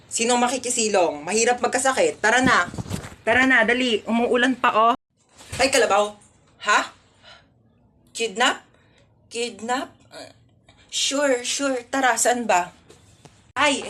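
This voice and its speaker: A woman's voice: on the high side, a bit bright. A woman, talking through comic skits in a playful, sassy, rambling way. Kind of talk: comedic skits.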